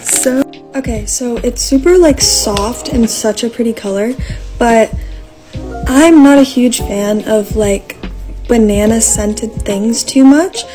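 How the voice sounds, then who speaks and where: A woman's voice: on the high side, slow, dark tone, soft background music. A young woman chatting casually through a product review vlog, bubbly and full of "like". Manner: bubbly, chatty, with many likes. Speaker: social media creator.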